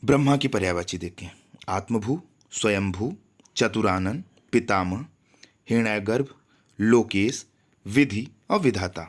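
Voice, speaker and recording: A man teaching a grammar lesson for exam preparation, reading out lists of synonyms one word at a time and stressing careful pronunciation. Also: on the low side. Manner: slow, deliberate listing with frequent pauses and repetitions.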